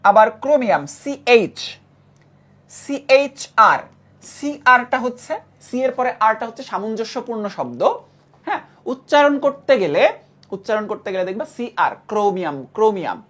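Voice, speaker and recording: A woman's voice: medium pitch, big pitch swings, quick pace. A woman teaching a chemistry lesson who repeats key terms and keeps checking that students follow. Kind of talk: classroom lecture.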